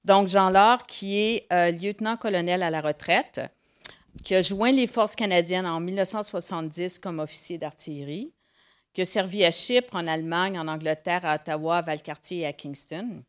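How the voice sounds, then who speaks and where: A woman's voice: lowish voice, normal speed, clear, resonant tone. A woman moderating a panel, often repeating words as she searches for them.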